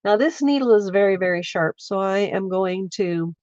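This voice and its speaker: A woman with a stuffy, congested voice, slowly walking viewers through a craft step by step and chatting with them as she works. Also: medium pitch, expressive, a little mellow, dry recording, muffled recording. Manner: slow, meandering, chats with viewers while working. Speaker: craft livestreamer. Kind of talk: casual craft demonstration. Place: home, at her lap.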